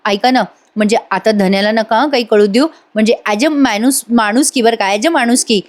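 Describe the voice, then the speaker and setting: A woman's voice: fairly high pitch, normal speed, close to an everyday voice. A woman voicing a sly young husband who coaxes and dodges. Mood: coaxing. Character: young man, sly smooth-talking husband.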